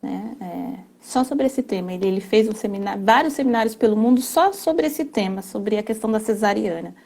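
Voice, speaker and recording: A woman's voice: mid-range voice, animated, a little fast, vocal fry, a little mellow. A woman, a family constellation therapist, explaining earnestly with frequent hesitations and tag questions. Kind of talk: explanatory conversation.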